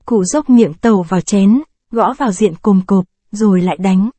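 A woman narrating a short story in a measured, expressive way. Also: medium pitch, husky, no echo.

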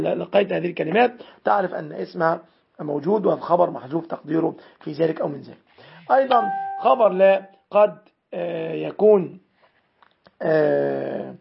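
A man's voice: high-pitched, expressive, a little fast, gravelly, breathy edge. A man with an Egyptian accent teaching an Arabic grammar lesson, methodically parsing example sentences one word at a time. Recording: dull lo-fi recording.

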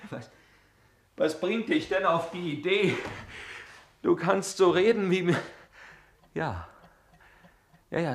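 A man's voice: on the high side, a bit bright. An actor playing a sullen, resentful young man who threatens in a brooding, repetitive way, in 1960s German radio drama acting. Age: young adult.

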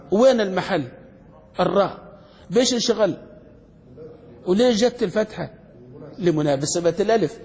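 A man teaching a grammar class as a sheikh, firing quick questions at his students and restarting words as he searches for them. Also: high-pitched, a little mellow. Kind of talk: classroom lecture. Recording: long hall reverb.

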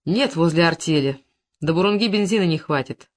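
A reader voicing an evasive rural man caught out, answering tersely in a lowered, reluctant voice. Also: expressive, a little fast, close to an everyday voice.

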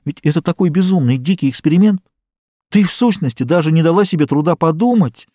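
A man's voice: on the high side, animated, fast talker, dark tone, no room sound, clean studio sound, pitched above the performer's own voice, lightly acted. A man reading a distraught, pleading middle-aged mother in an audiobook, raising his voice for her.

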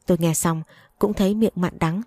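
A woman's voice: fairly low pitch, steady tone, moderate pace, warm tone, no room sound. A woman narrating a first-person story in an earnest, emotional reading.

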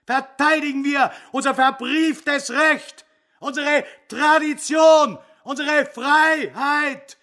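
A pompous crook rallies his gang in a radio play. He declaims slowly and indignantly in a very high, piercing voice, every phrase a rhetorical call. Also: fairly even intonation, pushed and bright, heavily acted. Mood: rousing.

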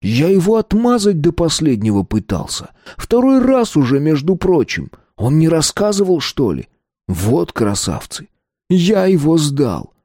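A man voicing a teenage boy who talks tough and slow, bluffing a street gang. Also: mid-range voice, sing-song, warm tone, no room sound, clean studio sound, voice pushed up. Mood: indignant. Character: cocky teen boy bluffing gang members.

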